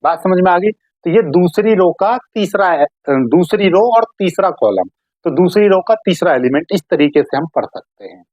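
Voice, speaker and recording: In a fairly low, expressive and slightly mellow voice, a woman explains math the way a teacher would in class. She answers her own questions, keeps checking whether listeners are following, and lingers slowly on key terms. There's no room sound, but the recording is rough.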